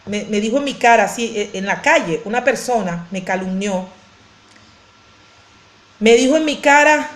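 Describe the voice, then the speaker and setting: A woman's voice: mid-range voice, lively intonation, moderate pace, long pauses, fairly bright tone. A woman pastor preaching a sermon, fervent and given to repeating phrases and restarting words. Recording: echoey room.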